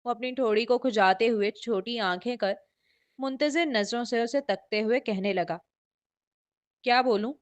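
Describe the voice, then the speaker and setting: A woman's voice: on the high side, moderate pace. Woman narrating a romance novel. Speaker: audiobook narrator.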